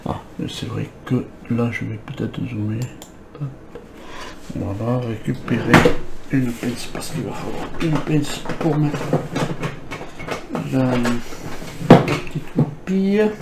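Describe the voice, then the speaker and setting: A man's voice: medium pitch, slow, creaky, pauses often, very noisy. A man with a cold, thinking aloud as he walks through assembling a scale model kit. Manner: thinking aloud while working, many fillers. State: has a cold. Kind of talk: hands-on assembly tutorial.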